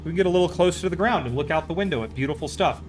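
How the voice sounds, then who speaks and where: A man's voice: fairly high pitch, animated, rapid-fire, faint music behind. A man chatting casually as a live streamer during a flight game, rambling along in an easygoing, enthusiastic way. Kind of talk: casual chat while playing a flight simulator.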